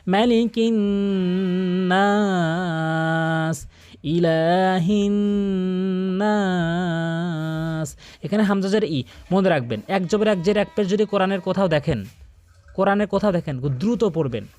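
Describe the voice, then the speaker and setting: A man's voice: sits high, expressive, a little fast, a little mellow. A man teaching Quran pronunciation in a video lesson, earnestly repeating corrections and stretching out practice words.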